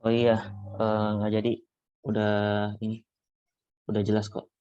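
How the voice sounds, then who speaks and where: Man, breaking-up call audio, flat low voice, dull muffled sound, hesitant questions. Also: unhurried, clean tone. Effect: breaking-up video call audio. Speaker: participant in an online class. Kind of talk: asking questions in a live online lesson.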